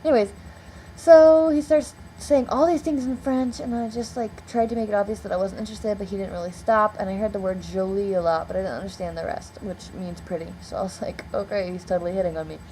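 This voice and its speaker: A woman's voice: medium pitch, steady tone, fast talker, hardly any pauses, a little mellow, a little hiss or hum, low-quality recording. A young woman in a casual storytelling vlog, rambling and filling her speech with "like" and "um.". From United States. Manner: rambling, heavy on "like" and "um" fillers. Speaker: vlogger.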